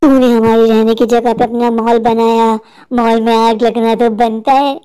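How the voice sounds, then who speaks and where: A woman voicing a vengeful, grieving female witch spirit in a cartoon, with slow, gloating threats. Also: fairly high pitch, little pitch movement, warm tone, smooth, natural voice. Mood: menacing. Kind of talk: cartoon voice acting.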